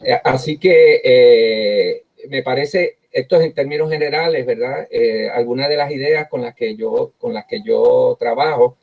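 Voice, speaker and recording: Husky-voiced man musing with a dull sound. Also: medium pitch. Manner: tags sentences with "¿verdad?" and pauses often on "eh". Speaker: professor and writer. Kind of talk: reflective talk on his writing process. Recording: dull lo-fi recording.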